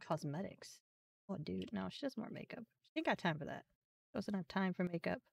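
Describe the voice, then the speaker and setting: A woman's voice: lowish voice, animated, normal speed, vocal fry, recorded from a distance, a little hiss or hum. A young woman streaming a game, chatting casually and thinking aloud as she goes, with the odd swear word. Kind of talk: casual live-stream commentary.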